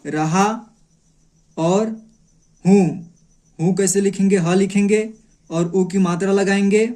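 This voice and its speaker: A man with a fairly high voice teaches the script slowly, breaking words into syllables and saying each sound several times. He speaks unhurriedly and patiently, pausing between short phrases. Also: mellow. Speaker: Hindi teacher. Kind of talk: slow step-by-step lesson.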